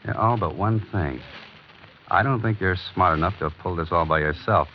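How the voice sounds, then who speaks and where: In this 1940s radio crime drama, a man plays a cool, tough private eye, speaking at a moderate pace in a deep voice with slangy, needling, hard-boiled lines and an unflustered manner. The old broadcast sounds muffled and dull, with faint noise behind it.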